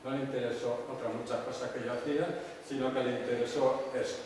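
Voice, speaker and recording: A man raised in the Canary Islands tells stories at a conference, rambling and restarting as he turns to the audience now and then. His voice sits at an everyday pitch. It comes from far off the mic and echoes through a large hall, with a faint hiss behind it. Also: level tone, brisk, darkish tone. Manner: rambling, storytelling, frequent restarts and asides to the audience. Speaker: visiting artist giving a talk. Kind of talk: conference talk, anecdotal.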